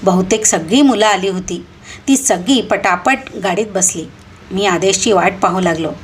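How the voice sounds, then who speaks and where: A woman storyteller reading a first-person story with steady narration. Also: medium pitch, moderate pace, slight background noise.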